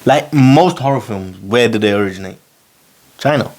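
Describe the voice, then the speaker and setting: A man hosts a relaxed podcast conversation. He tells stories with plenty of slang, moving between hushed tones and excited bursts. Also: medium pitch, normal speed. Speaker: podcast host. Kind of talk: casual chat.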